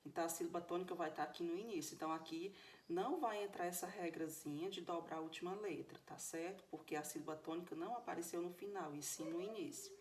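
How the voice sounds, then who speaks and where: A woman's voice: fairly low pitch, quick pace, a little mellow, slight background noise. A woman with a Brazilian Portuguese accent teaching English grammar in a recorded video lesson, explaining step by step and often checking that her students follow.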